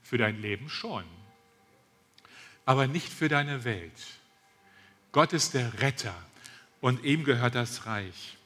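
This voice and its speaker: A man preaching a sermon, emphatic, repeating key phrases and drawing words out slowly. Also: medium pitch, pushed and bright. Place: church hall. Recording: long reverb of a church hall.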